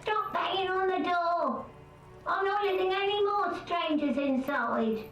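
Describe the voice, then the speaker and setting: A woman's voice: very high-pitched, measured pace, a bit bright, very echoey, soft background music, poor audio. A woman voicing a cranky, suspicious elderly woman in a video game, speaking in a scolding way. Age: older.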